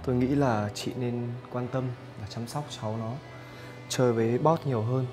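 An actor playing a kind neighbor who calmly reassures a woman, with music behind. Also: medium pitch, moderate pace, close to an everyday voice. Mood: reassuring. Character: kind, calm male neighbor. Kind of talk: web drama acting.

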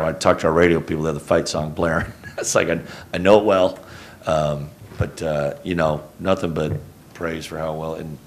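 A very deep, gravelly male voice with an even, flat delivery. He is a middle-aged basketball coach at a postgame press table, rambling and correcting himself as he answers. Faint hum in the room. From Houston, Texas. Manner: rambling, self-correcting, low-key. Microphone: table mic on a stand.

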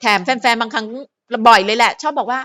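A woman's voice: a little high, fast talker, fairly bright tone. A woman hosting her own fan channel, chatting playfully to viewers and to herself in a casual solo vlog.

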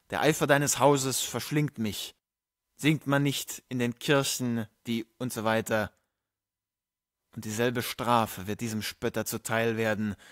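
A man's voice: lowish voice, fairly bright tone, no echo, studio quality. A man playing an irate, preachy old friar. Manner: indignant, preachy, quoting scripture. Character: irate, pompous male friar, older theologian.

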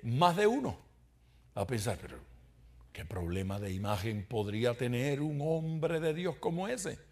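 In a church, a man with a medium-pitched voice leads a Bible study like a sermon. He poses rhetorical questions to the congregation and slips in humorous asides.

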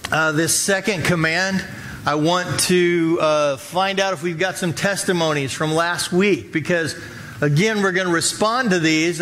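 This pastor, an American man in his forties, leads a service with an informal, interactive sermon, cheerfully chatting with his congregation from an indoor church stage. His voice is on the high side, pushed and bright, and there's a little hiss or hum.

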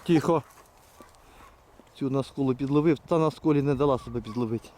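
A man filming his hunt with hounds in fields and woods, giving a hushed, muttered running commentary to viewers on a handheld camera and calling to his dogs. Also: mid-range voice, fairly quick, slight background noise. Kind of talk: live outdoor hunting commentary to viewers.

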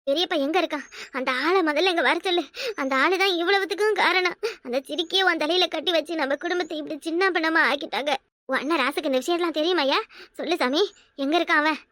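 A fussy elderly village mother from a cartoon, voiced by a woman, speaking with a Tirunelveli Tamil accent and a piercing, very high voice. She laments dramatically, and the recording is dry and close, with no room sound. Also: sharp tone, no echo. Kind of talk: cartoon voice acting.

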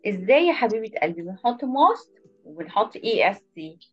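A woman's voice: mid-range voice, very animated, brisk, muffled recording, soft background music. A woman with an Egyptian Arabic accent teaching an English class online, patiently explaining and praising each pupil by name. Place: online video lesson.

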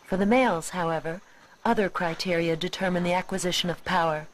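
A woman reading scripted nature documentary narration in a measured, expository way. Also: on the low side, a little hiss or hum, rough recording.

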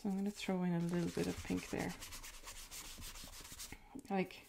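Her voice sits on the low side, mellow with vocal fry, delivered flatly at a moderate pace, and a little hiss or hum runs underneath. She's an artist hosting a painting livestream, chatting in a rural Irish accent, full of filler words and gentle jokes at her own expense.

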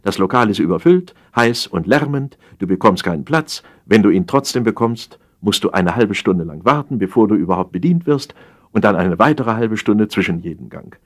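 Slyly lecturing his friend, the café regular, played by a man in a satirical story, explains things pompously and with emphasis. The voice is on the low side and expressive, at a moderate pace.

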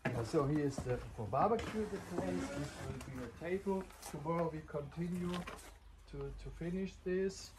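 German man in his sixties, chuckling and halting. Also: on the high side. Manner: halting, stumbling over words, chuckling often. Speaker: castle owner giving a tour. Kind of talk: casual guided tour chat. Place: converted farm rooms, in and out of doors. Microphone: far handheld camera. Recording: roomy, distant, noisy camera audio.

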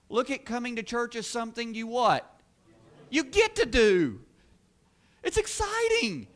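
A man with a high, light voice delivers a church sermon. He preaches earnestly and emphatically, repeating key words and pushing his voice up and louder at the peaks. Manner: earnest, emphatic preaching with rising exclamations and repetition. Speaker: pastor. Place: church sanctuary.

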